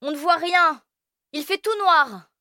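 A woman's voice: very high-pitched, takes it slowly, pushed and bright, dry recording, clean studio sound, pitched above the performer's own voice, heavily acted. A woman voicing a bossy, proud older boy who scoffs at the little ones. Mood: scornful. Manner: scoffing, dismissive.

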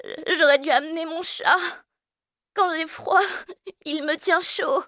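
Little girl, plucky and insistent, very high, woman doing the voice, kids' story. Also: lively intonation, unhurried, dry recording, clean studio sound. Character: young girl, plucky and resourceful.

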